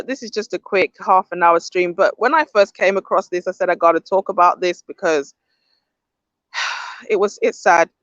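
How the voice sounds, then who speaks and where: A woman's voice: on the low side, no echo. A woman hosts her own podcast stream and delivers firm, opinionated commentary, stopping to read viewer comments. She presses her points home with a pointed "okay?". Her voice comes through dull and lo-fi, with no room sound around it. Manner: opinionated, emphatic, often adds "okay?". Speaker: podcast host. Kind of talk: livestream commentary, reading chat comments.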